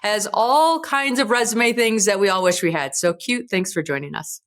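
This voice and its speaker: A woman's voice: mid-range voice, moderate pace. Upbeat woman hosting a podcast. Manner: upbeat and enthusiastic. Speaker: podcast host. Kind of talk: casual interview chat.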